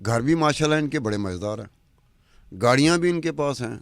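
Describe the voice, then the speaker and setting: A man's voice: mid-range voice, expressive, creaky, no echo. A man, a podcast commentator talking across from a woman anchor, stacking up rhetorical questions in an argumentative way.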